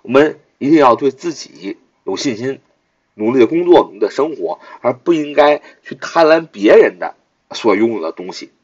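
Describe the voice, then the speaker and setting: A male teacher explains vocabulary in a lively, swinging voice that rises on his questions. He repeats each word three times and spells it out letter by letter. The recording sounds dull and lo-fi. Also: mid-range voice, normal speed, husky. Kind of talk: vocabulary lesson.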